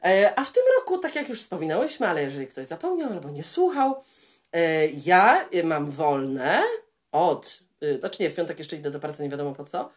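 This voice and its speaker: Lively, animated woman chatting casually. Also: normal speed. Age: 30s. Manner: animated, laughing, swings high and low. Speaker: podcast co-host. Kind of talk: casual chat.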